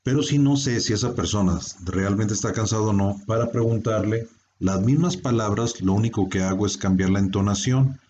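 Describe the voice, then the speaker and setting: Low, dark-voiced male teacher. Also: moderate pace. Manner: explains step by step with rhetorical questions. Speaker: English teacher. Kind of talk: classroom grammar lesson. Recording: dull lo-fi sound.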